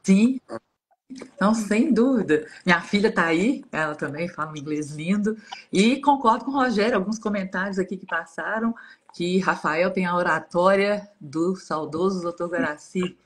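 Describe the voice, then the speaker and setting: A woman's voice: on the low side, normal speed. A middle-aged woman from Brazil with a Brazilian Portuguese accent, an English teacher hosting a casual live-stream chat over a video call, gushing with praise and laughing often.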